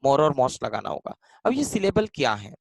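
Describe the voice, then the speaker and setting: A man's voice: medium pitch, very animated, moderate pace, creaky, dry recording, rough recording. A man teaching a grammar lesson for exams, who repeats his points, asks and answers his own questions, and mixes English phrases into his explanations. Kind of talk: exam-focused grammar lesson.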